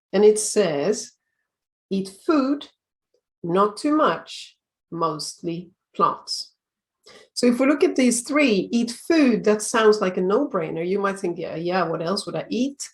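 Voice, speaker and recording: A middle-aged Swedish woman, a time-management coach with a noticeable accent and a mid-range voice, offers everyday lifestyle tips to the camera in a video. She speaks calmly and measuredly, slowing down for the important points, recorded close to the mic.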